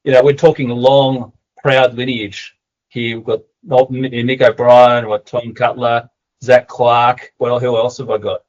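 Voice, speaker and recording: An Australian man co-hosting a casual footy podcast, talking in a rambling, halting and fond way. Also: mid-range voice, little pitch movement, darkish tone. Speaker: podcast co-host. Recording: dull, muffled audio.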